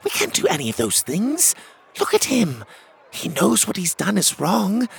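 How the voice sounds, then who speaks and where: Guy doing a earnest girl hero, high pleading voice, husky. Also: huge pitch swings, a little slow, heavily acted. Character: kind young girl hero, firm and earnest.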